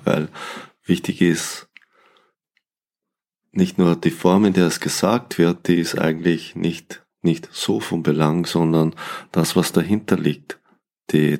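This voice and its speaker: A man with a very low, deep voice talks reflectively on a podcast. He repeats words as he works out his thoughts. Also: steady tone, a little slow, creaky, darkish tone. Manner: reflective, repeats words while searching for phrasing. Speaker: podcast co-host. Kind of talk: conversational podcast discussion.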